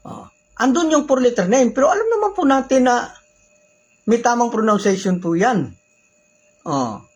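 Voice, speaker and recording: A Filipino man with a fairly high, slightly husky voice teaches religious law to his community. He switches easily between Tagalog and English, keeps his speech polite, and poses rhetorical questions before he answers them. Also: big pitch swings, moderate pace, rough recording. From Philippines.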